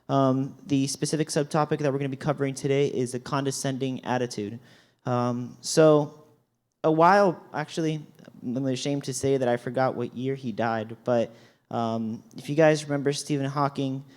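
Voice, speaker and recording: A man giving a church talk to a group, explaining dictionary definitions and often pausing with ums and restarts. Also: mid-range voice, a little mellow. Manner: hesitant, frequent ums and restarts. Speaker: youth talk speaker at church. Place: speaking up front to a group.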